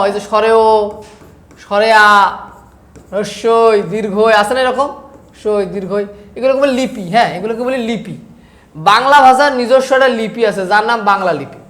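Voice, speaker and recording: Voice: medium pitch, fairly bright tone. A teacher with a Bangladeshi Bengali accent giving an online class lecture over slides, repeating points and asking questions that they then answer. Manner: repetitive, asks questions and answers them. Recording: roomy echo.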